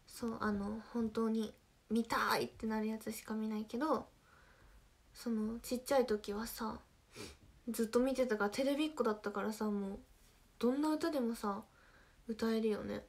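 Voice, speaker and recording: High-voiced chatty woman with a Hiroshima dialect. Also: steady tone, moderate pace. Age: young adult. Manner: chatty, reacting to comments, humming song snippets. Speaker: idol livestream host. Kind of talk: casual livestream chat with viewers.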